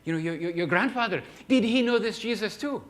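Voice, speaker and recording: A man's voice: expressive, a little fast, fairly bright tone. A man doing a weeping old shaman grandpa. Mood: anguished. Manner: high, crying, pleading cries. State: crying.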